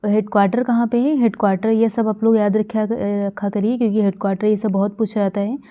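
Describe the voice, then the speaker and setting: A woman's voice: medium pitch, flat delivery, quick pace, dark tone. A woman from India giving a current affairs lecture for exam preparation, repeating key facts with frequent fillers. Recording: dull lo-fi recording.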